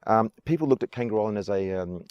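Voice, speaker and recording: Outdoors on an island, a tour guide from Adelaide, South Australia, answers interview questions in a casual, enthusiastic and earnest way, repeating his praise again and again. His fairly low voice is clear, resonant and expressive, and he talks fast. The recording is muffled, with no room sound.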